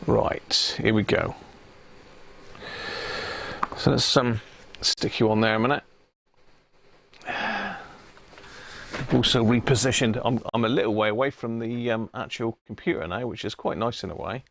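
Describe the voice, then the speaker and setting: Speaking a little slowly with frequent pauses, a middle-aged English live stream host of a radio hobby channel rambles and thinks aloud while demonstrating things in a casual chat. His medium-pitched voice is expressive, gravelly and a bit bright. His wireless body-pack mic has a little hiss or hum.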